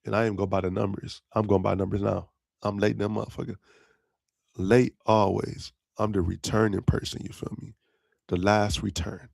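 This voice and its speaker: A man's voice: on the low side, level tone, normal speed, vocal fry, darkish tone, no echo, clean studio sound. A young man hosting his own podcast alone, rambling in casual slang and often laughing at his own jokes. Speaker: podcast host. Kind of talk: casual solo podcast chat.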